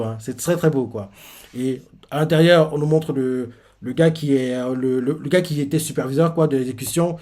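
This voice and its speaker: A man's voice: on the high side, dark tone. Rambling man retelling a manga. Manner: rambling, heavy fillers, restarts sentences often. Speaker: manga reaction host. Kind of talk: casual retelling of a manga chapter.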